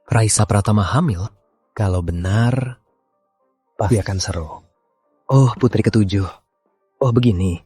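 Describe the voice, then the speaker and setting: A man's voice: fairly low pitch, measured pace, long pauses, mellow, husky, no room sound, soft background music. A man dubbing a sly young master who mocks others in a smug, taunting way. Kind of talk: dubbed drama acting.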